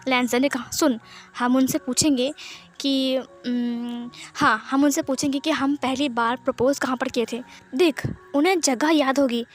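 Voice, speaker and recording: A woman casually narrating a fan fiction story, voicing every character herself with fillers and restarts. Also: high-pitched.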